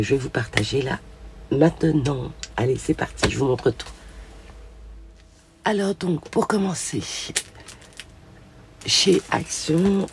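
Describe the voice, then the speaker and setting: An older woman with a hoarse voice, chatting through a craft haul and gushing over each find with many fillers. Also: extremely low pitch, background noise. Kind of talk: casual show-and-tell haul.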